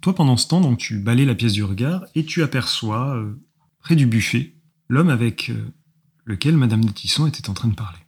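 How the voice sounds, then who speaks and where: A man narrating as game master of a tabletop role-playing game, often pausing with fillers. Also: mid-range voice, lively intonation, a little mellow, husky. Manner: hesitant narration with frequent fillers.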